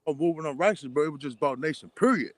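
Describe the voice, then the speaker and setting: A man talking as a guest in a casual conversation, animated and full of filler phrases, stumbling and stuttering at times. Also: a little high, rapid-fire, dry recording.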